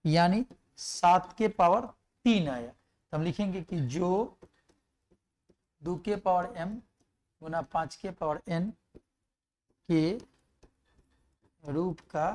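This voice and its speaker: A man's voice: high-pitched, extremely slow, pauses often, a little mellow. Methodical male math teacher. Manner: explains step by step, asks and answers his own questions; recites numbers and multiplication tables aloud. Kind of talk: exam-prep math lesson.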